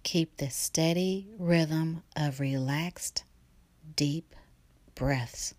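A woman guiding a relaxation meditation in a soft, slow, partly whispered delivery. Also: sits low, no room sound. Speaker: meditation guide.

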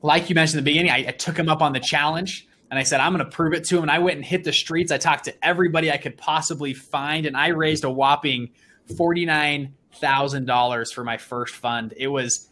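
A man's voice: a little high, fairly quick. Upbeat young man telling his story. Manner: energetic, enthusiastic, with frequent restarts. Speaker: guest. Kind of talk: storytelling interview answer.

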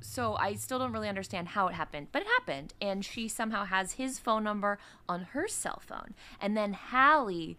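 A woman's voice: medium pitch, expressive, normal speed, few pauses, sharp tone. A young woman co-hosting a casual podcast, rambling through a film plot with fillers and puzzled questions. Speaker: podcast co-host. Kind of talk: casual chat recapping a film.

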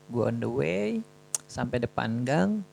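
A man's voice: medium pitch, very animated, takes it slowly, vocal fry, darkish tone, a little hiss or hum, low-quality recording. A young man casually telling a personal story in a chatty, slangy, self-mocking way. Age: young adult.

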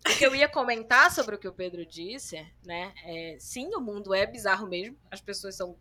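Bright, quick-flowing woman host. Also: medium pitch, expressive. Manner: runs one thought into the next with few pauses. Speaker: podcast host reading listener comments. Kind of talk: casual chat.

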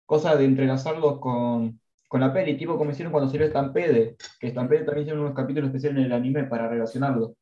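A man's voice: mid-range voice, fairly even intonation, fast, hardly any pauses, dark tone, reverberant, far from the mic, dull audio. A man with a Rioplatense Spanish accent, co-hosting a casual manga chat, joking and swearing offhandedly. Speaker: podcast co-host.

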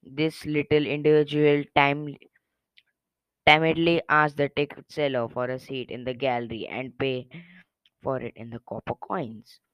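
Smooth-voiced man reading a story. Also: medium pitch, little pitch movement, measured pace, no room sound, lo-fi sound. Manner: plain reading with occasional slips and restarts. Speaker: reader. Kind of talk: reading a short story aloud.

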